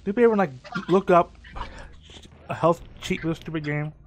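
A man playing an old computer game and chatting casually with a friend, excitable and laughing often. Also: on the high side, a little fast, slight background noise. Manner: excitable, laughs often, yelps when hit. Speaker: game player, co-host. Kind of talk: casual let's-play banter.

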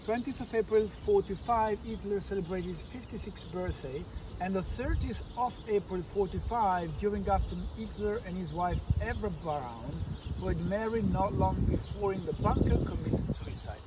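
A man's voice: sits high, moderate pace. Middle-aged man, explaining to a child, simple repetitive wording, informal guide, outdoor street noise. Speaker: father and guide. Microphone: phone camera a step or two away. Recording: outdoor phone recording, clear ambient noise.

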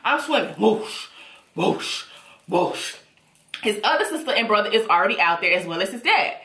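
A woman telling a story casually, animated and laughing as she goes, swearing freely. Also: medium pitch, quick pace, roomy sound. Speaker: storytelling vlogger.

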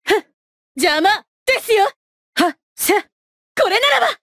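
A young female knight from a fighting game speaks in a high, slightly bright voice with wide pitch swings. She is haughty and coolly ruthless, her words polite but her delivery imperious, at a measured pace and heavily acted with fierce expression. Her clipped battle lines are recorded dry and close.

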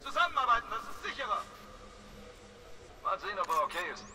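Ein Schauspieler spielt in einem Videospiel einen angespannten bewaffneten Handlanger, der kurze Rufe ausstößt. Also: male voice, high voice, sing-song, fast, bright, forceful tone, heavily acted. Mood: wary, grumbling. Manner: short barked callouts. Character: tense male armed henchman, aggressive and jittery. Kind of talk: game combat barks. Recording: distant, faint noise.

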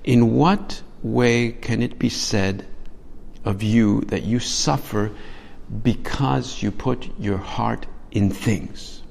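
With a mid-range voice that's gravelly and darkish, a man takes his time through a reflective homily. He poses many questions to listeners and frequently starts his phrases over, all in a reverberant hall.

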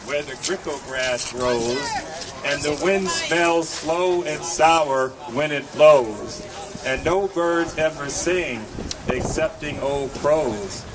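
Reading rhyming verse for a live public storytime in a park, this middle-aged man speaks on the high side, with careful, measured pacing. A camera close to his mic stand records him from afar, so the track is noisy with wind and traffic.

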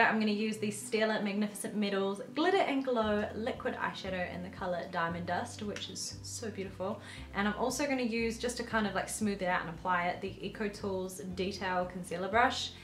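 Chatty young woman with a slightly croaky voice. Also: mid-range voice, fairly quick. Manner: chatty, rambling, lots of filler likes. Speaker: beauty vlogger. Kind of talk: casual chatty makeup tutorial. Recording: roomy echo with faint music.

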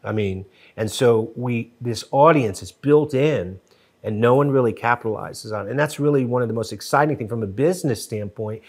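A middle-aged man from Western Pennsylvania speaks into a studio mic as a podcast guest. His talk is animated and loose, full of restarts as his ideas tumble out. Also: mid-range voice, moderate pace. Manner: animated, gestures a lot, frequent restarts. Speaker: podcast guest, TV show co-creator. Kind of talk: casual interview chat. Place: wood-paneled podcast studio. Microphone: studio mic on boom arm.

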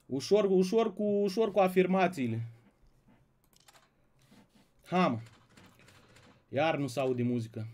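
A man's voice: high voice, animated, hardly any pauses, warm tone. A man from Romania hosting a casual live stream, greeting viewers by name and bantering with the chat. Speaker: slots streamer.

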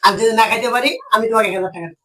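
A man's voice: high-pitched, rapid-fire, bright, forceful tone, distant mic. A man chatting casually as a challenge contestant. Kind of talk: casual chat.

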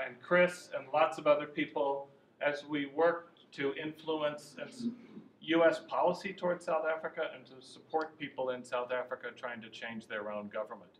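In a university classroom, a guest speaker in his sixties, a lobbyist, talks informally and animatedly to an audience, gesturing and occasionally restarting sentences. His pitch is fairly high. The audio comes from a distant camera without a mic, so it sounds echoey with faint noise.

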